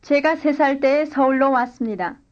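A woman reading a scripted language-lesson dialogue and drill answers in clear, careful model sentences. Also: sits high, normal speed, dull audio. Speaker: language course speaker.

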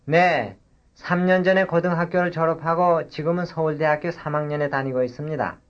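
A man reading a scripted language-lesson dialogue and giving drill cues in a measured, deliberate way. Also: on the high side, steady tone, dull audio. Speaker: language course speaker.

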